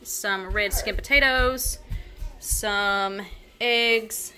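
A vlogger in her thirties talks very slowly over music, her voice mid-range, as she narrates a casual grocery haul in her home kitchen. She is chatty and lists her items with many ums and likes, filmed on a handheld phone.

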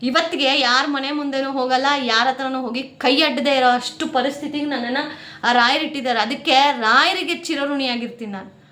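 A woman's voice: high voice, fairly even intonation, brisk, bright, forceful tone, reverberant. A woman vlogger talking to her viewers at home, aggrieved and indignant, close to tears as she vents. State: near tears. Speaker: family vlogger. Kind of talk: emotional talk to camera.

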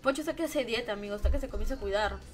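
A young woman with a Peruvian accent, streaming games and chatting with her viewers, swearing and breaking into excited yelling. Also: fairly high pitch, rapid-fire, faint music behind. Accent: Peruvian Spanish. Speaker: gaming streamer. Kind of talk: casual livestream chat while gaming.

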